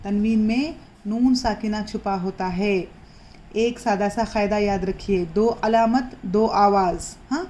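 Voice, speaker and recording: A woman teaching Quran recitation, who says each word slowly, repeats it and checks in with her students. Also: mid-range voice, fairly even intonation, warm tone, slight background noise. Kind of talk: Quran pronunciation lesson.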